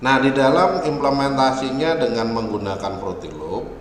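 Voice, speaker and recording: A man giving an online lecture on music software, explaining slowly and often ending phrases with a checking "ya". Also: mid-range voice. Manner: explains slowly, with frequent "ya" tags. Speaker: university lecturer. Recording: echoey, reverberant room, faint ambient noise.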